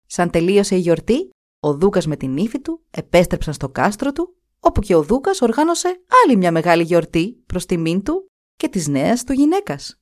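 A woman narrating a fairy tale in an expressive, animated way. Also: lowish voice. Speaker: storyteller.

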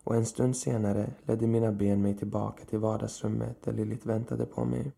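This man tells a horror tale at a slow, deliberate pace, his pitch barely shifting. He speaks in a low, very gravelly voice whose dark, muffled color matches the menace of the story.

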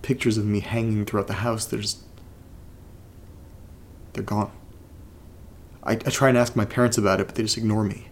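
A male actor plays the main character and narrator of a horror audio drama, an uneasy, reluctant man exploring a creepy place and reading strange letters, part of one aloud. His fairly low voice carries heavy gravelly fry, and he speaks haltingly and naturally, as if muttering to himself, in a flat, lightly acted, subdued delivery. A faint rumbling noise runs beneath this naturalistic found-recording monologue.

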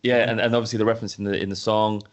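A man's voice: fairly low pitch, flat delivery, rapid-fire, muffled recording. A man interviewing someone in an informal, conversational and slightly hesitant way.

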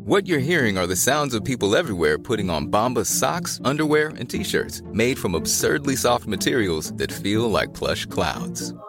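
Guy doing an ad read, bouncy lively voice, music playing under him. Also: mid-range voice, moderate pace, hardly any pauses. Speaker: ad narrator. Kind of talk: scripted ad read. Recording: ad voice-over with music.

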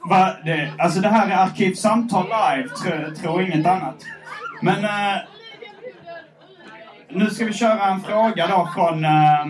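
A man's voice: sits high, far from the mic, rough recording. A man hosting a live podcast on stage in front of an audience, chatting with many hesitant fillers. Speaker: podcast host. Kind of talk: live podcast chat, reading listener letters. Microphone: handheld microphone.

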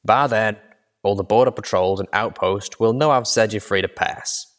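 A man voicing a gruff, blunt female griffin mercenary captain in an audiobook, speaking in a businesslike way. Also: on the low side, moderate pace, close to an everyday voice. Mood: firm.

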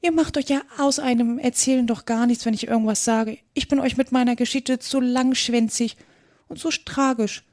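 A woman's voice: fairly high pitch, steady tone, moderate pace, darkish tone, voice pushed up, close to an everyday voice. A woman voicing a touchy, stern female mouse who speaks sharply and takes offence easily. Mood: sulky.

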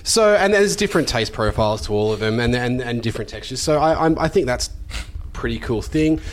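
Blunt, sweary Australian food critic. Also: male voice, medium pitch, animated, fairly quick, a little hiss or hum. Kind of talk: casual chat.

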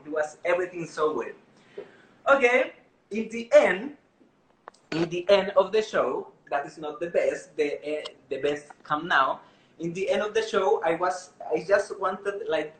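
A man from Chile telling a comic story in halting English, full of "eh" fillers, acting out quotes in a raised voice. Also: a little high, a bit bright, roomy sound, a little hiss or hum, rough recording. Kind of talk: live storytelling to an audience.

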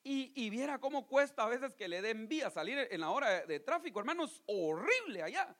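A man preaching a sermon, moving between loud pleading appeals and hushed asides, often calling his listeners brother. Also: very high voice, big pitch swings, brisk. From Guatemala.

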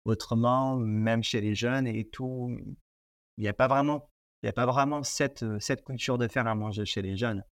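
A young Portuguese man, whose first language is Portuguese, speaks French with a Portuguese accent as a guest in a casual interview. His mid-range voice has fairly even intonation and a moderate pace, and he hesitates with many fillers and restarts. The recording is dry and studio quality.

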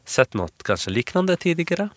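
A man, a hairstylist guest, chatting in an interview and acting out lively anecdotes. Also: fairly high pitch, no echo. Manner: animated storyteller, acts out quotes. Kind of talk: casual interview chat.

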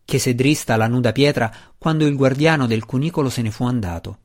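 A man narrating a fantasy audiobook in a steady, expressive reading. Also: mid-range voice, a little fast.

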